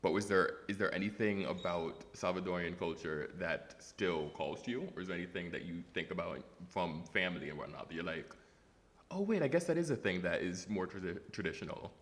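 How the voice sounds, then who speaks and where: A man's voice: low-pitched, animated, brisk, a bit bright, big-room sound. A man hosting a studio interview, asking light teasing questions and laughing easily. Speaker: podcast host. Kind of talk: casual interview.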